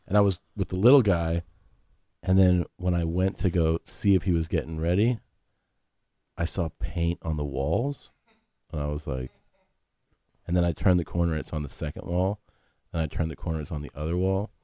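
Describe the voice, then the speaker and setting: A man's voice: deep voice, normal speed, pauses often, mellow, dry recording, clean studio sound. A man who is a father, co-hosting a podcast in casual chat, laid-back and swearing. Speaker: podcast co-host.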